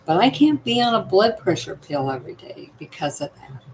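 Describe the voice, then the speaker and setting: An older woman vlogger shares health tips in casual talk to her viewers at home, often asking "you know what?" Her mid-range, darkish voice is partly worn and weakened but very animated and brisk, with emphatic delivery. The audio is poor, with slight background noise.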